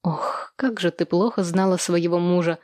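A woman voicing a calm, sarcastic ex-wife with a sharp tongue. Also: fairly low pitch, moderate pace, no echo, close to an everyday voice. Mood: mocking.

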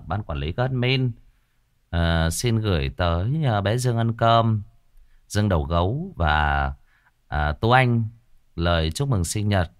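A man hosting a ghost-story livestream, chatting casually with viewers and teasing them with jokes. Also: low-pitched. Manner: joking, teasing banter. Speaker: livestream host reading ghost stories.

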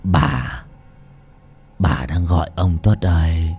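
A man's voice: deep voice, takes it slowly, a little mellow, soft background music, voice pushed down. A man voicing a terrified old rich man who stammers, pleads and cries out for help. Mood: pleading weakly.

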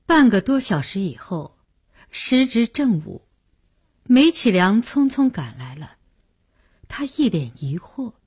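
A woman narrating a radio story as a storyteller, with a breathy, husky voice and an expressive, animated reading. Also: mid-range voice, slow pace, pauses often.

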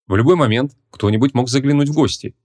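A man narrating a comic fantasy audiobook in a lively, expressive storytelling manner. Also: mid-range voice, fast. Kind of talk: scripted narration.

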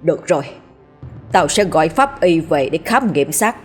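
A woman voicing a hot-tempered middle-aged man who scolds and curses gruffly. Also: sits low, lively intonation, moderate pace, soft background music. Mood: angry.

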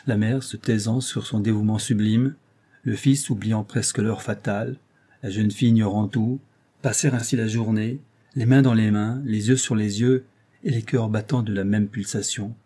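A man narrates a classic story as an audiobook, measured and expressive. His voice sits low and mellow, with a husky edge.

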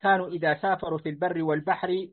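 A man's voice: high voice, fairly even intonation, racing, breathy edge. A man reading a classical text aloud to his teacher, answering his corrections politely and respectfully. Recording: tinny phone-like line.

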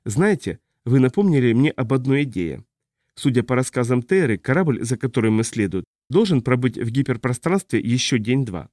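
A man's voice: mid-range voice, very animated, normal speed, a little mellow, no room sound, natural voice. Male narrator as a smug, scheming man in charge, calculating, everyday tone, dry audiobook sound.

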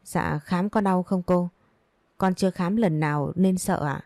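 A woman's voice: fairly low pitch, a little slow, darkish tone, no room sound. A woman reading a story, voicing a frightened young pregnant woman who pleads politely and fearfully.

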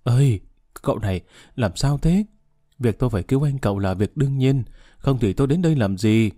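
A man as a calm, formal lawyer. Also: medium pitch, no room sound, clean studio sound, lightly acted. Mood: reassuring. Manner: formal, measured, reassuring. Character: calm, measured middle-aged male lawyer.

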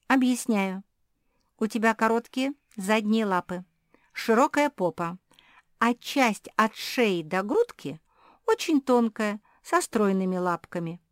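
A woman's voice: mid-range voice, animated, slow, dry recording, studio quality, voice pushed up. A woman voicing a plump, greedy female cat in a storybook reading, blunt and bossy in manner. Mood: lecturing.

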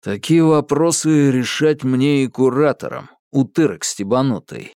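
A composed young leader speaks in an even, low, measured tone that carries quiet menace, as a male storyteller voices him. Nothing rattles him. The recording is close and dry. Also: no room sound, close to an everyday voice. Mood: calm, firm. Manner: calm, low and steady.

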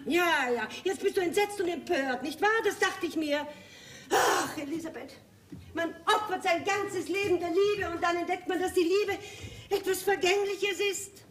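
A woman's voice: very high voice, normal speed. A theatrical aging society lady. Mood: melancholy. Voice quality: theatrical, affected, laughing asides. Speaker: Lady Kitty. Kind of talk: 1980s stage play recording. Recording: distant stage mic with faint room noise.

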